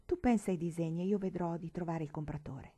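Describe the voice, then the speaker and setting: A gentle, practical mother, as a woman reading a novel puts her on. She reasons calmly in a mellow, warm voice. A storybook parent, steady and sensible. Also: on the low side, fast talker, husky. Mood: calm reasoning. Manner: calm, reasoning.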